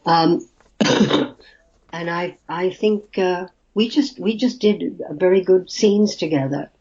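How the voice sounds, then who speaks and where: Over a muffled video call, an older actress from Australia chats casually as an interview guest, laughing readily as she tells her stories. She speaks slowly, with a mellow voice on the low side.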